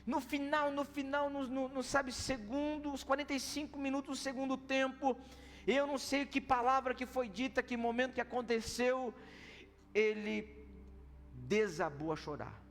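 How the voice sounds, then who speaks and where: A man preaching a sermon as pastor, telling a story in an animated way that swings between loud and hushed. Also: very high-pitched, normal speed, slight background noise. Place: church service hall. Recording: reverberant church hall with soft music.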